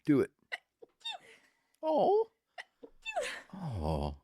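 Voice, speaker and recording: A man co-hosting a podcast in casual banter, firing off deadpan wisecracks. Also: on the high side, drawn-out words. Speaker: podcast co-host. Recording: very noisy recording.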